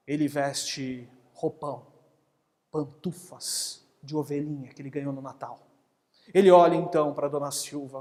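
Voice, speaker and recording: A course instructor telling a story in a lively lecture, acting out the characters along the way. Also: mid-range voice, big-room sound. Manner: animated storyteller who acts out characters.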